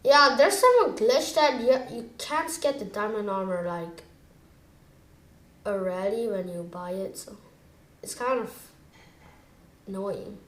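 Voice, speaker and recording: A woman giving chatty, excitable commentary while playing a video game, switching between low muttering and sudden exclamations. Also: takes it slowly, pauses often, reverberant. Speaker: gamer. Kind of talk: gameplay commentary.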